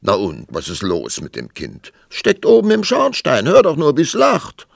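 A man's voice: extremely low pitch, lively intonation, unhurried, vocal fry, a bit bright, no echo, clean studio sound, heavily acted. A man voicing a quarrelsome, pompous king who snarls and blusters, raising his voice for an audiobook. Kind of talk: audiobook character voice.

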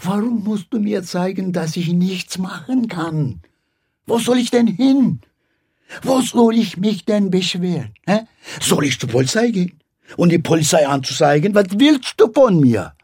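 A man plays a proud, worn-down immigrant father with a husky voice. His pitch swings widely as he scolds and pleads. He sounds bitter, like a man ground down by work. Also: lively intonation, unhurried, a little mellow, exaggerated voice. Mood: desperate scolding.

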